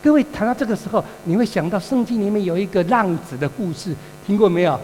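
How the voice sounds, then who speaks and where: High-voiced man preaching in a reverberant hall. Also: fast talker. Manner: animated storytelling, calls for congregation responses. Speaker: pastor. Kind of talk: sermon. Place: church hall. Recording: reverberant hall with mains hum.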